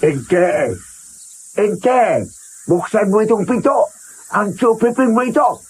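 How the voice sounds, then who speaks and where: A man playing a stern, gruff old village elder who scolds in an urgent manner. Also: fairly high pitch, expressive, normal speed, slight background noise, close to an everyday voice. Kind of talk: Tagalog audio horror drama.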